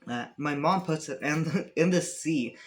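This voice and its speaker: A man's voice: on the high side, moderate pace. Swedish-accented young man, rambling chat. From Sweden. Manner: relaxed, rambling, many fillers and restarts. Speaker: vlogger answering fan questions. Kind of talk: casual Q&A chat.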